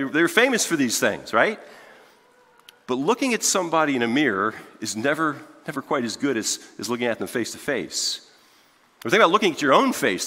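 Animated pastor preaching in a reverberant sanctuary. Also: male voice, medium pitch. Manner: animated, conversational, frequent restarts and "right?" asides; paces the stage, gesturing. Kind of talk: sermon. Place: church sanctuary stage. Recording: long church hall reverb.

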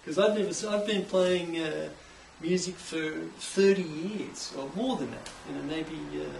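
A middle-aged Australian man explaining his craft in a relaxed interview, with an enthusiastic musician's manner. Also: on the high side, moderate pace, creaky. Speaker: guest, cajon maker. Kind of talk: casual interview. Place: indoors, home workshop. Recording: echoey room, mic at a distance, faint background hiss.

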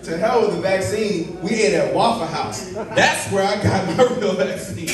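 A man's voice: high-pitched, moderate pace, a crowd in the background. A young American man doing amateur stand-up at an open mic, bombing his jokes with a rambling, stalling delivery. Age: young adult. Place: small bar, indoors. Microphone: handheld stage mic, heard from far camera. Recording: echoey bar, distant mic, audience noise. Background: small audience.

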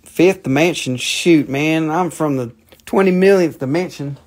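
Holding mineral specimens up to the camera from a table in an indoor room, a Southern US man runs a live sales show. His voice sits on the high side, unhurried and a little mellow, while he rambles, cracks jokes, curses, and plays with put-on accents.

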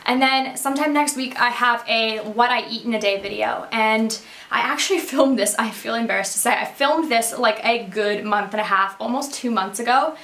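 A woman's voice: on the high side, gravelly, a bit bright, roomy sound. A young woman from Canada, a beauty vlogger, chatting casually to the camera from her room in a bubbly, rambling way. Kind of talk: casual catch-up chat to camera. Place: bedroom beauty room, indoors.

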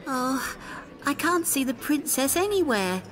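Courteous lil frog prince, kinda high, voice bounces around a lot. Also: female voice, sing-song, unhurried, a bit bright, soft background music, a faint crowd, heavily acted. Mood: polite. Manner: courteous and gallant. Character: polite frog turned young prince, male. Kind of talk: cartoon voice acting for preschoolers.

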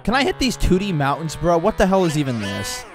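A young man chatting casually while gaming with a friend, excitable and full of frat-bro slang. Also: a little high, a little fast, soft background music. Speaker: gamer. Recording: clear background noise, game engine sounds.

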